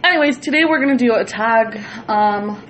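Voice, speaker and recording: A woman's voice: on the high side, moderate pace, fairly bright tone, slight background noise. A foul-mouthed, teasing woman co-hosting a casual podcast, picked up from a distance on an open mic. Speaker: podcast co-host.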